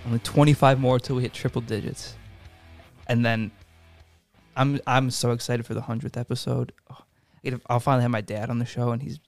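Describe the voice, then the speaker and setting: A man's voice: mid-range voice, little pitch movement, fairly quick, no echo, soft background music. A man hosting a podcast in a studio, chatting loosely with guests, joking and swearing freely. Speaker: podcast host. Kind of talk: casual podcast chat.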